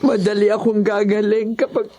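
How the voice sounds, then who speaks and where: A woman's voice: mid-range voice, flat delivery, moderate pace, warm tone, slight background noise, close to an everyday voice. An actress playing a grieving, sickly widowed mother who talks wearily and through tears in a radio horror drama. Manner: weary, tearful.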